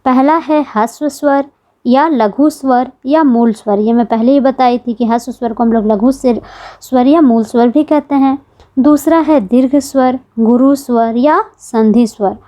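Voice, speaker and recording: A woman's voice: sits high, a little slow, mellow. A woman teaching an exam-prep grammar lesson, patiently repeating key points and asking the class questions.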